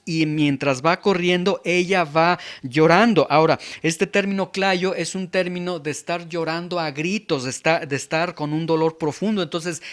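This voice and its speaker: Man, pastor, sermon, emphatic, fairly high voice, repeats words for emphasis. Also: fairly bright tone. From Mexico. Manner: emphatic, repeats words and leans on key terms. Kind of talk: expository sermon.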